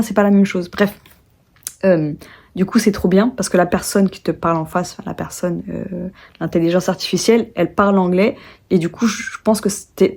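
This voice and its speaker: A woman's voice: mid-range voice, a little mellow. Young French woman, casual at-home vlog chatter, rambling with fillers and restarts. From France. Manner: rambling, many fillers and restarts, self-correcting. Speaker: vlogger. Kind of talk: casual chat to camera.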